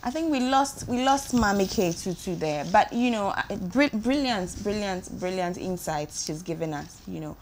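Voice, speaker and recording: A woman hosting a talk show, speaking in a reflective, measured way. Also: medium pitch, expressive, a little hiss or hum. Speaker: radio host.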